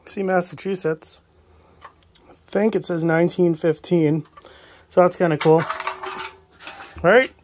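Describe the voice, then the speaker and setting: With a handheld phone camera, a New England estate sale buyer records himself sorting through a cramped wooden shed, casually thinking out loud for viewers. His high-pitched voice is steady and slow with frequent pauses, and a little hiss or hum is audible.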